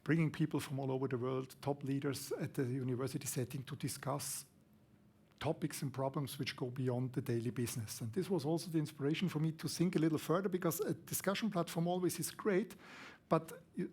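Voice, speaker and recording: A man's voice: fairly high pitch, fairly quick, a little mellow, husky. A man born in Austria and raised in Switzerland, explaining his work as an impact investor on a conference panel. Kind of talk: panel discussion.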